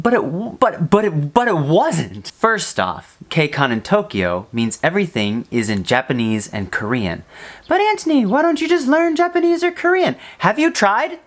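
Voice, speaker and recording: A vlogger chatting casually to camera in an animated, exasperated way, often throwing out rhetorical questions. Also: mid-range voice.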